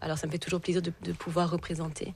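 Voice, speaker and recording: Hesitant woman in her thirties, lowish voice. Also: flat delivery, very fast, creaky, a little mellow, a little hiss or hum. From born in Switzerland, raised in France and Canada. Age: 30s. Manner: hesitant, many restarts, laughs often. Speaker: guest singer-songwriter. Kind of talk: radio interview.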